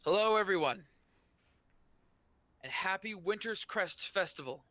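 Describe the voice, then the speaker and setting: A man's voice: medium pitch, flat delivery, measured pace, sharp tone, clear, resonant tone, dry recording. A man voicing a stern male general giving a formal speech to a festival crowd in a tabletop game.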